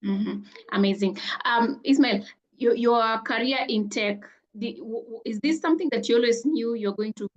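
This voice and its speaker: A woman's voice: a little high, normal speed, highs cut off. A woman hosting an online interview with a graduate, upbeat and full of praise. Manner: upbeat, effusive praise with frequent "amazing". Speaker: host.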